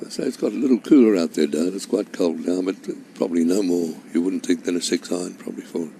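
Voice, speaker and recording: Male golf commentator, very low, dark mellow tone, conversational, understated, live broadcast. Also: fast, gravelly, slight background noise.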